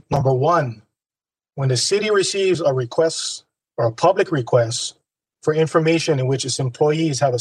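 A man's voice: a little high, darkish tone, breathy edge, no room sound, rough recording. A man making a formal oral legal argument as an attorney.

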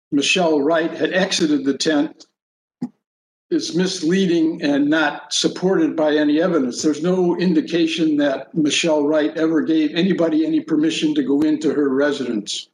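A man with a fairly high voice presents an oral legal argument as defence counsel. The room echoes around him, and there is faint noise behind the voice. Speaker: defence lawyer arguing in court. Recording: roomy, faint background noise.

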